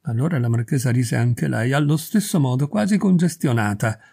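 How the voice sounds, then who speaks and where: Man, story reader, gravelly texture, husky edge, measured and expressive. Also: mid-range voice. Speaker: narrator. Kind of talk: reading a short story aloud.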